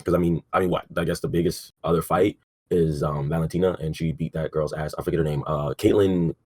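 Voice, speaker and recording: A man's voice: a bass voice, steady tone, fairly quick, a little mellow, slightly rough. A young man co-hosting a casual sports podcast, laid-back, filling his talk with "like" and "um" and swearing casually. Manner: laid-back, says 'like' and 'um' a lot, swears casually. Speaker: podcast co-host.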